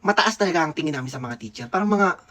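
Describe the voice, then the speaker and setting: A man in his thirties from the Philippines tells a childhood story in a casual, gossipy way. His pitch swings widely and expressively from line to line. He sounds playful, teasing and at ease. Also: animated, very fast, noisy background. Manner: gossipy, playful, laughs often. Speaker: dentist vlogger.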